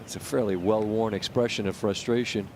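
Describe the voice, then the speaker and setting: A man working as a golf commentator, calling live tournament play in measured, clipped phrases with wry, understated asides. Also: on the low side, steady tone. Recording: clear outdoor ambient noise behind voice.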